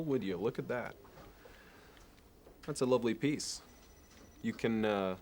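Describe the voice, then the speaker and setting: In this ASMR roleplay, a male actor voices a fastidious, courteous finance executive from Manhattan who obsessively appraises things, with a lowish, darkish, unhurried tone. He sounds intrigued yet courteous, and his speech is measured, halting, meticulous, and politely formal. Some noise can be heard on the recording.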